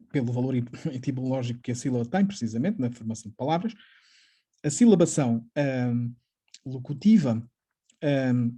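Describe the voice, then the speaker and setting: Giving an academic poetry lecture, a middle-aged man who teaches literature speaks in a husky, dark-toned voice of medium pitch. Quotations get a slow reading, while his talk is full of tag questions and hesitant fillers.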